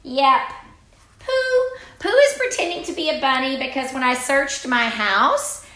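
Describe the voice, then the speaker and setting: An older woman reads a picture book aloud to children informally, adding chatty, exclaiming asides and stretching words for emphasis. Her voice is high, expressive, and sharp-toned, in a reverberant space.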